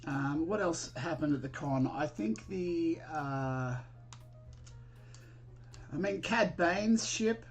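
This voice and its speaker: Over soft background music, a man with an Australian accent speaks slowly and animatedly in a higher voice, leaving long pauses. Hosting a casual live stream, he greets viewers in a friendly, informal way, answers them while building, and thinks aloud hesitantly and ramblingly.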